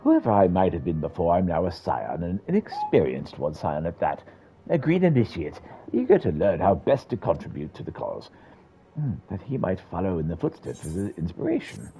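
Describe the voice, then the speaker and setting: A man's voice: deep voice, huge pitch swings, normal speed, dark tone, faint music behind, heavily acted. A man voicing an earnest, humble young initiate, reading fantasy game dialogue aloud with eloquence. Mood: earnest, reflective.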